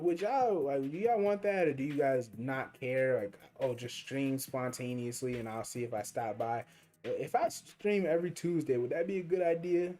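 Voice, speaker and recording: A young man with a fairly high, mellow voice livestreams a mobile game, thinking aloud in rambling, slangy commentary. Faint game music plays behind him as he talks casually over the gameplay.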